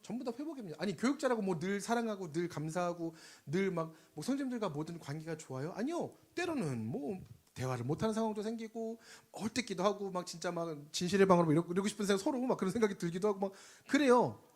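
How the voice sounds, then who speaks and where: A man preaching a sermon in a lively, conversational way, leading the congregation in call-and-response and swinging between loud emphasis and quiet asides. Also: sits high, quick pace, hardly any pauses.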